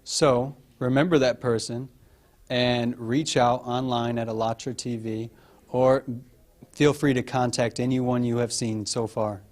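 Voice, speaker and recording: Casting: man, average pitch, earnest and encouraging, addressing a group informally with pauses between phrases. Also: fairly even intonation, a little mellow.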